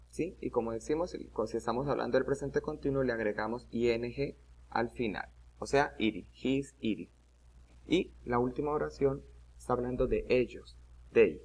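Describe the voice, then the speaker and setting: A man's voice: medium pitch, a little mellow. A man teaching an English grammar lesson, explaining step by step and often checking "¿listo?".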